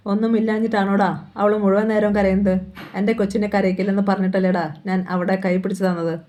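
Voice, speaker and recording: A woman reading the lines of a gruff, blunt older father in a novel, in a rough, commanding way. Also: medium pitch, flat delivery, brisk, dark tone, natural voice. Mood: stern.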